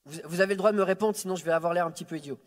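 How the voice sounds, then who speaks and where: A man from France, his voice high and rapid-fire, guest-preaches a Sunday sermon full of warm jokes about himself. He keeps restarting with stammered repeats, and the sanctuary recording echoes noticeably.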